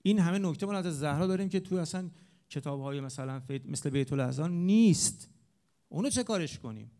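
A man who speaks about religious eulogy singing delivers an impassioned lecture to a gathered audience. His voice is fairly high but warm and mellow. He is animated, swinging sharply in loudness between forceful, pressing climbs and quiet, low asides.

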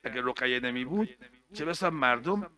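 A man preaching an emotional mourning sermon, moving between hushed, tender passages and loud, chanted lament. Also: medium pitch, expressive.

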